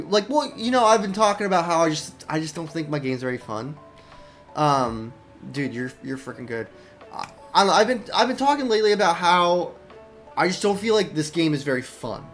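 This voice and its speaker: A man's voice: high-pitched, lively intonation, a little fast, a bit bright, faint music behind. Rambling young man thinking aloud. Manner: rambling, many likes and restarts, thinking aloud. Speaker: indie game developer. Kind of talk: casual dev stream chat.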